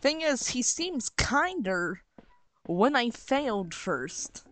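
Wry, slow-talking woman streamer. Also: on the high side, big pitch swings, fairly bright tone, no echo. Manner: wry, chatty, mutters to herself. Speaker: game streamer. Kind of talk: casual gameplay commentary. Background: faint game music.

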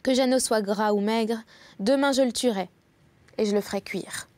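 A woman's voice: fairly high pitch, moderate pace, a little mellow, dry recording, natural voice. A woman voicing a wicked, greedy old witch who eats children, speaking sardonically. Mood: commanding. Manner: sneering, sardonic.

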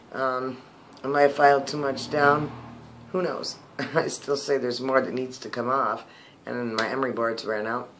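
A man talking casually in a home vlog while speaking with new dentures, his swollen mouth slurring his words a little, chatty and quick to laugh at himself. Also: mid-range voice, fairly bright tone, a little hiss or hum. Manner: chatty, self-mocking, laughs often. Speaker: vlogger.

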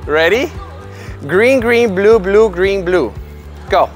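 A man's voice: sits high, expressive, slow pace, soft background music. A man in his thirties coaching young children on an indoor tennis court, explaining drills to the camera and calling out commands to the kids in an upbeat, encouraging way. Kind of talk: instructional video narration.

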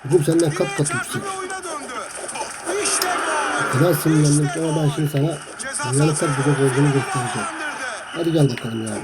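A man's voice: on the high side, fairly even intonation, quick pace, long pauses, crowd noise, poor audio. A man giving chatty gameplay commentary to his viewers, grumbling about the game and trash-talking his opponents. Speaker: mobile game streamer. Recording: music playing under the voice. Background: game music.

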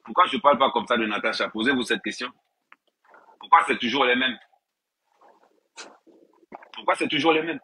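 A man's voice: mid-range voice, moderate pace, pauses often, sharp tone, a little hiss or hum, low-quality recording. A man ranting to viewers on a live stream, repeating himself and addressing them directly, filmed on a tablet indoors. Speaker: social media personality on a live stream.

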